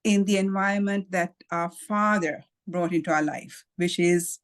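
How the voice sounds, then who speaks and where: A woman from Sri Lanka, a guest author in a podcast interview, who tells her story in a thoughtful, measured way with pauses and light laughs. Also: lowish voice, fairly even intonation.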